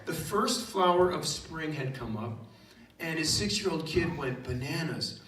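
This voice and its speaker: A man who teaches high school theology gives a retreat talk, telling stories and speaking straight to the students in the room. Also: unhurried. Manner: storytelling, animated, addresses audience directly. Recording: roomy, distant mic.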